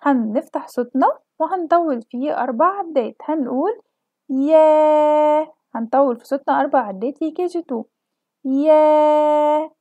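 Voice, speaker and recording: A young woman with an Egyptian accent, a kindergarten teacher giving a children's alphabet lesson and stretching out each sound slowly for the kids. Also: sits high, expressive, no room sound, muffled recording. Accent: Egyptian Arabic. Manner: slow drawn-out model pronunciation for children.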